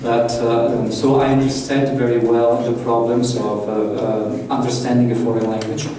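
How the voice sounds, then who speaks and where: A man from Italy delivers a live workshop talk to an audience in a large, echoing conference room, keeping it chatty and loose and posing questions to listeners. His Italian-accented voice is mid-range and warm, flat in delivery, at a moderate pace. Faint hiss and distant echo color the recording.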